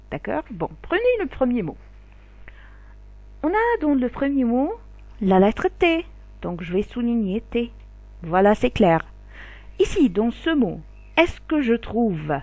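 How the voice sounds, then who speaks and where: Hey a woman doing kids phonics, repeats every syllable, very animated pitch. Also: no room sound. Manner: repeats each syllable slowly and loudly, stressing sounds. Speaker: teacher. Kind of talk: slow, drawn-out phonics lesson for children.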